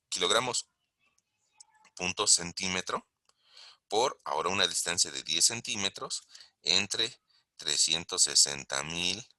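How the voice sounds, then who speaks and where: This engineering lecturer speaks low with a sharp tone, and the recording is dry and studio quality. He delivers a recorded online engineering class, working through it step by step and asking his students questions, close to the mic while writing on a tablet.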